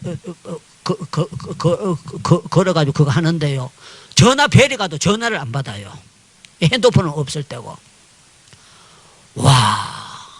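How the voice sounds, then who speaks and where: Older man, pastor giving an animated testimony sermon, bright forceful voice, high-pitched. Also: dry recording. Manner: animated storytelling, crying out in prayer, acting out dialogue. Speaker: pastor and missionary.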